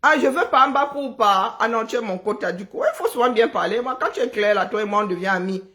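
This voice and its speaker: A woman hosting a live stream, talking in an animated, sarcastic, chatty way. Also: a little high, quick pace. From Cameroon. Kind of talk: casual live commentary.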